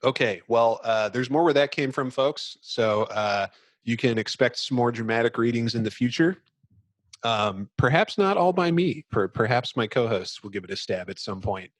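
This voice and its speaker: A male podcast host talks casually yet presentationally into a close microphone, mixing relaxed chat with dramatic reading from a book. His voice is medium in pitch, animated, at normal speed, with no echo.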